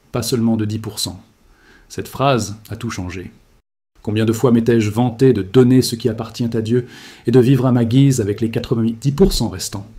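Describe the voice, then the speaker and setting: A man's voice: mid-range voice, warm tone, breathy edge. A man reading a grave, confessional first-person religious testimony in a solemn scripted narration.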